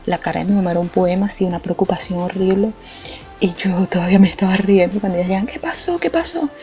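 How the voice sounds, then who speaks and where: A young Venezuelan woman telling a funny anecdote in a lively, colloquial way, laughing often. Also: fairly low pitch, fast. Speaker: art vlogger. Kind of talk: casual storytelling. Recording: slightly muffled with faint music. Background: faint background music.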